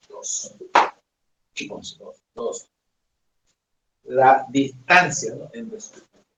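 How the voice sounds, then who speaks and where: Male teacher, slow and halting lecture, constant tag questions, roomy echo. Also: mid-range voice, slight background noise. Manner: slow, halting, keeps adding "decimos, ¿no?". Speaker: electronics teacher. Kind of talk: classroom lecture. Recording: echoey room.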